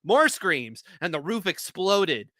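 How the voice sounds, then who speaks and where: A man hosting a live event, reading stories aloud in a lively, expressive way. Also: high voice, slow, dry recording. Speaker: host.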